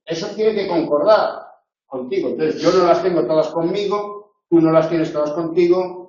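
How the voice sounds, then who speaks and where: A Spanish university lecturer with a fairly high voice explains grammar to his class, stopping often to check they follow. He is picked up from across an echoey room, and the sound is dull and muffled. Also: darkish tone, far from the mic. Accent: Spanish, not from Madrid. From Spain. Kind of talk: recorded tutorial lecture.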